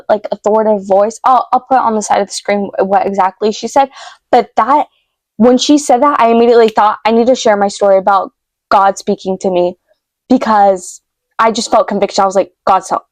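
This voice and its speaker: A woman's voice: on the high side, darkish tone, dry recording. Emotional woman vlogger telling a dream. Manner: emotional, halting retelling with many fillers and restarts. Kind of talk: casual storytelling to camera.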